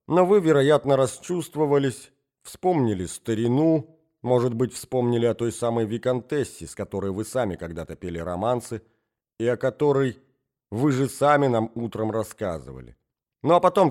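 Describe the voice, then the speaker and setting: A man reading an audiobook, voicing an anxious young gentleman who reasons persuasively and gets flustered. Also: medium pitch, lightly acted. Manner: reasoning, smooth then flustered.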